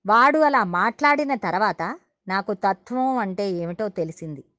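A woman's voice: mid-range voice, expressive, unhurried, pushed and bright, no echo. A woman voicing a grieving king who speaks in a plaintive, humbled way.

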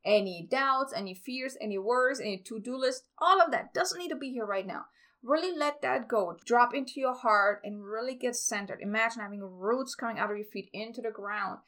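A woman with a slightly high voice leads a guided meditation. Her delivery is calm and meditative, soothing her listeners as a spiritual host would. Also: a little fast.

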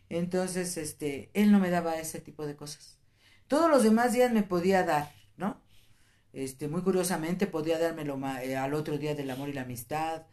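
An older woman with a Mexican accent, the host's mother, telling family anecdotes in a lively way and acting out the dialogue. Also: low-pitched. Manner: lively storyteller who laughs often and acts out quoted dialogue.

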